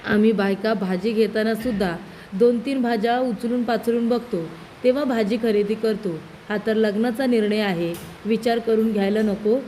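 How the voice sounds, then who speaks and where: A woman's voice: on the high side, steady tone, moderate pace, warm tone, slight background noise, lightly acted. Woman reading as a firm, sensible wife. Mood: reproachful. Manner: reproachful, reasoning. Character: sensible wife and mother, calm but firm.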